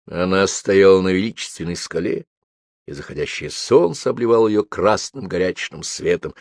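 A man narrating a literary story aloud in an expressive reading voice. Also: low voice, normal speed, vocal fry, no echo, studio quality. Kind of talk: audiobook narration.

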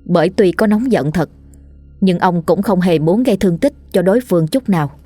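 A woman narrates a scripted horror tale in a lowish, steady, measured voice. The recording is close and dry, with faint music underneath. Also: dry recording. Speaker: storyteller.

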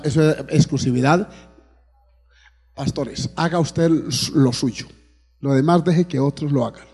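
Male pastor, mid-high warm voice, sermon delivered in a reverberant hall. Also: husky. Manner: preaching to a congregation with frequent "amén" and "alabado el nombre de Jesús".

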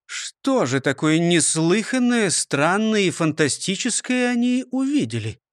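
A man narrating a children's storybook in an animated, expressive way. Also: high-pitched, unhurried, no echo, clean studio sound.

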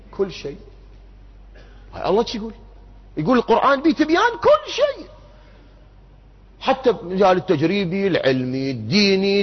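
Man, lecturing, lively pitch, husky voice, muffled lo-fi recording. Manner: animated, questions the audience and answers himself. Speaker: religious lecturer. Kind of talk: interactive religious lecture.

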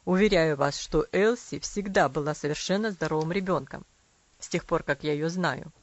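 A woman putting on a stern, low-voiced father. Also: moderate pace, no echo, natural voice. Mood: stiff. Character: stern strict middle-aged father. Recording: dry, slightly dull recording.

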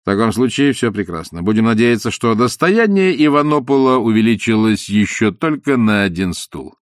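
A man's voice: on the low side, very animated, moderate pace, no room sound, studio quality. A man voicing a stern, cocky con man who talks in curt, commanding phrases. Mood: dry.

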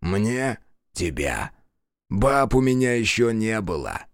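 A mocking spirit inside an amulet, put on by a male narrator taunts in a raspy, cracked baritone. The voice sits low and sneers. The recording is dry and close. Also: big pitch swings, takes it slowly, no room sound, heavily acted. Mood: sneering.

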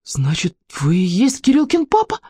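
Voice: mid-range voice, big pitch swings, a little fast, a little mellow, no room sound, studio quality, lightly acted. A reader voicing an earnest, upright young schoolboy in a storybook reading. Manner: earnest, firm.

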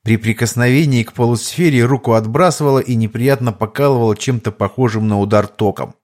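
A man reading an audiobook aloud, with a lively, playful delivery of the dialogue. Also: mid-range voice, brisk. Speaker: audiobook narrator.

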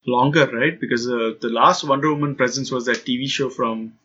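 A man's voice: medium pitch, brisk, pushed and bright, breathy edge, lo-fi sound. A man co-hosting a podcast, chatting casually in a hesitant, teasing way. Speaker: podcast co-host. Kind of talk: casual chat.

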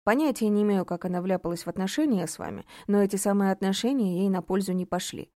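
Stern judge mom, read by a woman, sharp and bossy, a bit higher and louder than the narration, mellow voice. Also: fast, no room sound, clean studio sound, lightly acted. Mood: cold stern. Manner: sharp, commanding, sarcastic. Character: stern middle-aged mother, an imperious judge.

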